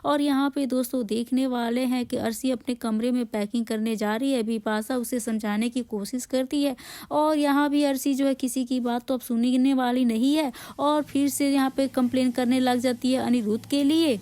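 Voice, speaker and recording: A woman's voice: sits high, fairly even intonation, normal speed, dark tone, no room sound. A woman casually recapping a TV serial for her viewers in a chatty way, calling them friends and often restarting her sentences.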